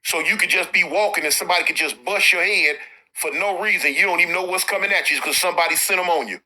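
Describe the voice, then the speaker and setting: A man with an Alabama Southern accent interviewing in a casual, slangy way, with animated, informal reactions. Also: high-pitched, quick pace. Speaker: interviewer, former inmate.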